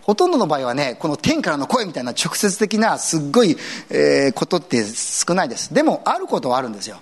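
A man's voice: quick pace, husky. A man pastor giving an earnest sermon in a conversational way, with casual asides mixed in. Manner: earnest, conversational preaching with lively swings in pitch.

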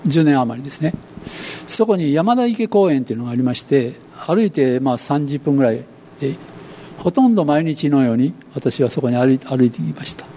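A man's voice: medium pitch, warm tone, slight background noise. A man in his eighties with a Kansai accent, preaching a sermon in a folksy, storytelling way. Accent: Kansai Japanese. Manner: storytelling, acts out quoted voices, folksy and unhurried. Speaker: pastor.

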